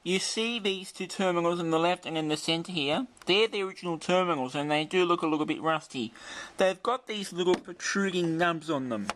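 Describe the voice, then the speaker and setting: A man with a high-pitched voice talks a little fast over a noisy background. He presents a vintage radio demonstration video, giving an unscripted, careful and detailed show-and-tell indoors in a bright room.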